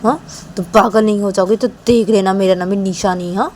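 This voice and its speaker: A woman's voice: mid-range voice, steady tone, brisk, darkish tone, a little hiss or hum, natural voice. A woman voicing a hot-tempered, jealous young woman who scolds and threatens, repeating herself, in an amateur audio story. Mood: angry. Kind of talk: amateur storytelling with voiced dialogue.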